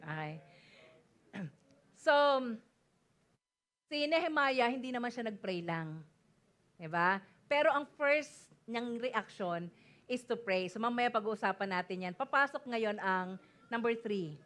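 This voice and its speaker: A woman's voice: a little high, expressive, slow, pauses often, a bit bright. A woman pastor with a Filipino accent preaching a sermon in mixed Tagalog and English, emphatic and often calling out to the congregation for an amen. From Philippines. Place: church service before a congregation.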